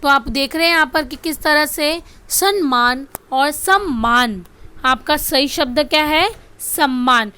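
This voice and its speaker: Woman teacher, high clear voice, slow and patient, repeats words for pupils. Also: pushed and bright. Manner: repeats each word, asks if students can see. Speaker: Hindi grammar teacher. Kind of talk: slow classroom spelling lesson.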